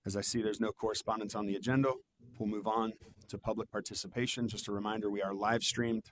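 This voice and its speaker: Even-toned, lowish-voiced man chairing a meeting. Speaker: county commissioner chairing a public meeting. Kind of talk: formal public meeting remarks, read from notes. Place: government meeting room. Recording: noisy public meeting room with low rumble.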